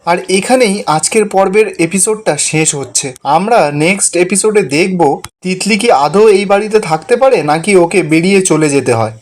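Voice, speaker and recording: A man with a high voice recaps a TV serial episode as a channel host. His narration runs in a steady, plain storytelling manner. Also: normal speed.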